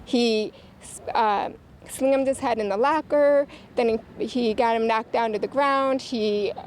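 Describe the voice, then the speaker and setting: A woman's voice: a little high, slow, darkish tone, slight background noise. A woman, mother of a bullied boy, speaking upset and stammering in a news interview. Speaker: parent of bullied student.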